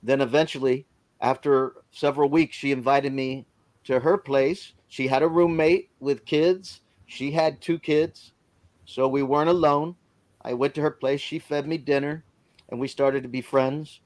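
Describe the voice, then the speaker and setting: Everyday man of medium pitch, relaxed informal storyteller. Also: measured pace. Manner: lively storyteller who acts out others' lines; plain, informal grammar. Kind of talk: casual personal storytelling.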